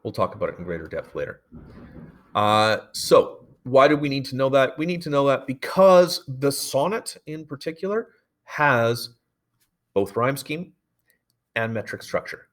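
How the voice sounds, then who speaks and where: A man's voice: mid-range voice, lively intonation, unhurried, fairly bright tone. A male teacher giving a recorded poetry lecture, explaining in a loose, explanatory way with frequent fillers and self-corrections.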